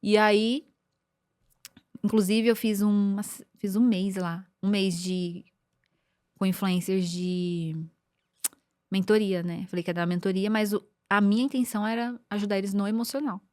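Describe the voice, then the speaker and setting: A woman's voice: medium pitch, steady tone, unhurried, a little mellow, no room sound, clean studio sound. Brazilian woman telling a personal story. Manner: storytelling, clears her throat often, trails off and restarts. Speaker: podcast guest, marketing mentor. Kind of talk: personal testimony in casual conversation.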